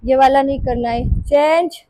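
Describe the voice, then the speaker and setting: A woman leading a live yoga class, calling out poses in short, brisk commands. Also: sits high, mellow, rough recording. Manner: brisk, commanding cues mixing Hindi and English. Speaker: yoga instructor.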